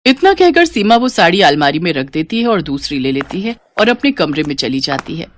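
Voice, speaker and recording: A woman narrating an animated moral story in an expressive storytelling manner. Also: fairly low pitch, brisk, a little hiss or hum.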